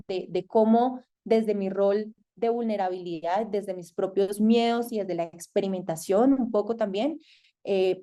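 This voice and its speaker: Colombian woman lecturer, soft mellow tone, measured and hesitant delivery, frequent pauses. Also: mid-range voice. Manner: thoughtful, hesitant with frequent fillers. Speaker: masterclass lecturer. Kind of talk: online lecture.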